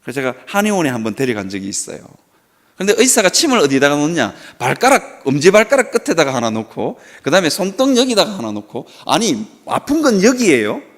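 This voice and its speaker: A man's voice: fairly high pitch, huge pitch swings, brisk. A male pastor preaching a sermon at a Friday worship service in a church. He tells stories with animation and asks rhetorical questions.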